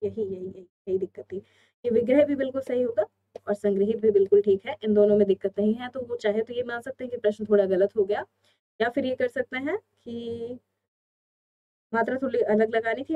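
A woman's voice: fairly high pitch, expressive, a little fast, narrow, tinny audio. A woman teaching an online exam-prep Hindi lesson, explaining step by step and answering her own questions.

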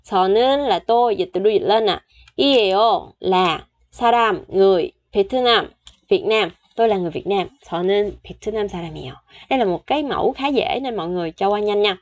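A woman teaching a beginner Korean lesson online, saying each word several times for practice and explaining in a chatty, friendly way with soft sentence endings. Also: medium pitch, quick pace, highs cut off.

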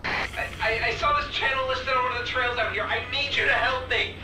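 A man's voice: very high-pitched, steady tone, brisk. An actor playing a frightened lost male hiker, speaking over a walkie-talkie radio and stammering and rambling nervously. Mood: panicked. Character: lost male hiker chased through the forest. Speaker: game character. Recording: roomy distant game audio with music.

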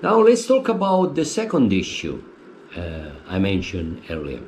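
A man in his forties with an Italian accent delivers opinionated football commentary from his living room, speaking at a measured pace. He hesitates often, filling gaps with plenty of "uh," while his pitch swings animatedly. This football fan vlogger's indoor recording carries a slight hiss or hum.

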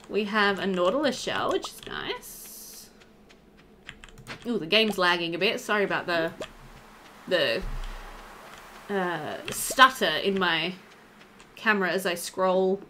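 A young adult woman hosts a gaming video, chatting casually through a let's play and playfully reading the game's dialogue aloud. Her voice is mid-range with a sharp tone, and game music plays under slight background noise.

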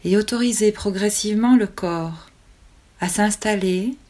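With a mid-range voice, a female yoga nidra teacher guides listeners through relaxation, soothing and calm. Her short phrases are spaced out by long pauses.

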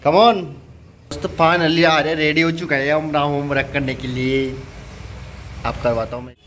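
A man's voice: fairly high pitch, fairly even intonation, normal speed, fairly bright tone, slight background noise, low-quality recording. A young man chatting to viewers while filming his family's day at home. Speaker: vlogger, husband. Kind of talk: casual home vlog. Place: home, indoors.

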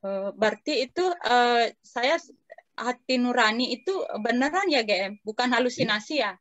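A woman's voice: on the high side, lively intonation, moderate pace, a bit bright, no room sound, poor audio. A woman in casual conversation, telling a personal experience to her teacher, hesitant and respectful, with many fillers and restarts. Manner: respectful, keeps addressing the teacher. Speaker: participant asking the teacher.

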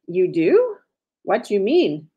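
A woman's voice: medium pitch, a little slow, muffled recording. A woman reading the lines of a village translator who speaks in broken English with short, blunt phrases. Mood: matter-of-fact. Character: local woman translator, plain-spoken. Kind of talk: reading aloud from her own story.

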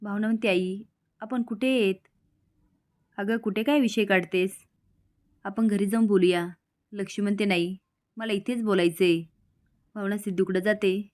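A woman's voice: medium pitch, normal speed, long pauses. A woman narrating a recap of a TV serial episode, telling the plot steadily and reading the characters' lines. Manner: steady storytelling, reads characters' lines in quotes.

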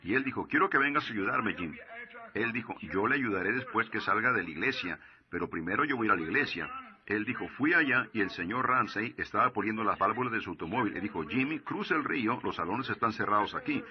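A man with a lowish voice delivers a sermon in storytelling fashion. He slows down and leans on his warnings. The recording sounds dull and lo-fi. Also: lively intonation, a crowd in the background. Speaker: preacher. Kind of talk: sermon in Spanish voice-over.

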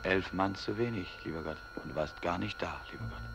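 Low-voiced man, bitter dramatic reading. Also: fairly quick, creaky, over music. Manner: bitter, despairing, often hushed, rising to anguished cries. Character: Beckmann, despairing war-returned man. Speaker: reader of a stage play.

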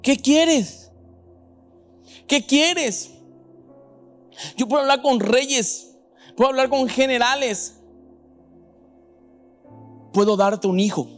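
A man's voice: very high-pitched, slow pace, pauses often, fairly bright tone, soft background music, pitched above the performer's own voice, full character voice. A man playing an old prophet, a confident man of God, insistent and repeating his offer.

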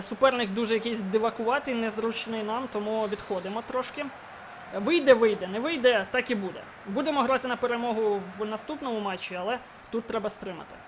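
A young man commenting live on his own football video game match, excitable and bursting into shouts at big moments. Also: very high-pitched, slight background noise. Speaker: gaming channel host.

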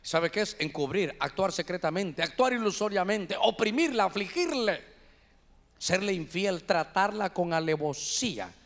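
High-voiced Honduran man preaching. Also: moderate pace. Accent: Honduran Spanish. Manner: preaching to a congregation, animated, addresses listeners as "hermano". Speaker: pastor. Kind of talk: sermon. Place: church.

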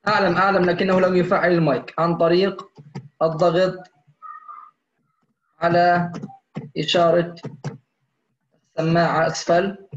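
A man teaches Quran recitation in an online class, his voice sitting high. He is patient, addresses the students as dear ones and stretches out the examples he demonstrates. The sound is muffled and roomy, like a lo-fi call. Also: little pitch movement. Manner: models recitation examples slowly. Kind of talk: online tajweed lesson.

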